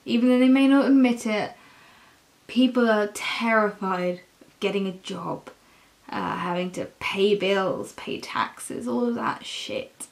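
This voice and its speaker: A young adult woman with an English accent, talking casually and candidly in a halting, confessional vlog style. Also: mid-range voice. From England. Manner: slow, halting, candid, with frequent swearing. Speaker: university student vlogger.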